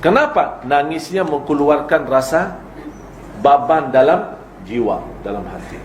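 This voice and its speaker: Man, preacher, fairly high pitch, roomy echoey sound. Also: animated, measured pace. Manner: lecturing with quoted example lines. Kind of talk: religious lecture. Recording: echoey hall with faint noise.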